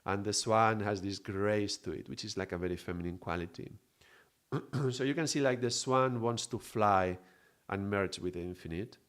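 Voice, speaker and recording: A man from Mallorca, teaching on a spiritual live stream in an unhurried, reflective way and greeting viewers. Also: on the low side. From Mallorca, Spain. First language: Spanish.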